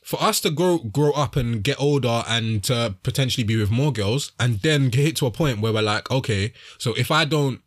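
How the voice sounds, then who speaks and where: A man's voice: mid-range voice, normal speed, hardly any pauses, dry recording, studio quality. Young London man, slangy podcast host. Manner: slangy, questioning. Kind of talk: casual podcast discussion.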